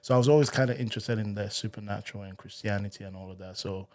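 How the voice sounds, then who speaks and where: A young man from Ghana, a guest on a podcast, telling stories from his life in a relaxed, easygoing way. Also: lowish voice, racing. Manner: laid-back, storytelling, laughs often. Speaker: podcast guest, singer and worship leader. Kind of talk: casual interview chat.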